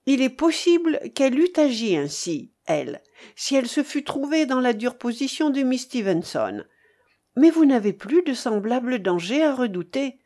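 A resolute young daughter, earnest and passionate, her voice bright and high with lively swings, as a woman reading the book brings her to life. She speaks with firm, heartfelt conviction. This is a storybook reading. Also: normal speed. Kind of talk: audiobook character reading.

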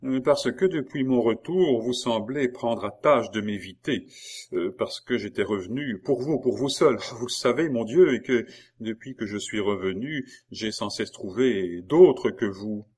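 A man's voice: mid-range voice, unhurried, darkish tone, husky, pitched above the performer's own voice. A man reading aloud, voicing a jealous, ardent young man in love with an intense, earnest delivery. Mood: reproachful. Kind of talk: audiobook character voice.

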